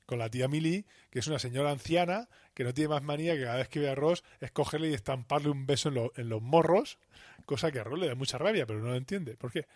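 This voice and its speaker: A man from co-hosts a casual podcast, retelling scenes with lively acted-out bits. His pitch sits in the middle for a man. The sound is close and dry. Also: fast talker, no echo. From Spain. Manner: animated retelling with acted-out quotes. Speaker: podcast co-host.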